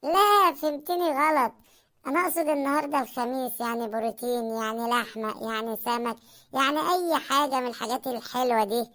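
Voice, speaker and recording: Woman doing a fast whiny egyptian cartoon husband, broke and hungry, kinda high voice. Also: steady tone, fairly bright tone, close to an everyday voice. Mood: grumbling. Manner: whining, complaining, pleading. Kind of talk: cartoon comedy voice acting.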